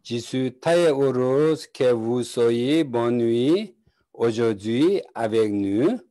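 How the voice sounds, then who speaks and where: A man with a Tibetan accent gives a calm Buddhist teaching at an unhurried pace, piecing his words together in short, halting phrases. His voice is mid-pitched and recorded close and dry, with no room sound around it. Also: no room sound. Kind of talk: slow teaching talk in broken French.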